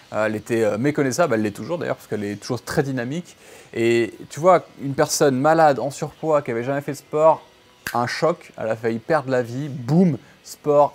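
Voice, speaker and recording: French-born man giving casual motivational talk. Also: medium pitch. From France. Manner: direct, addresses viewer as "tu", many fillers. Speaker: entrepreneur sharing life lessons. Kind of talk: motivational monologue to camera. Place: his home.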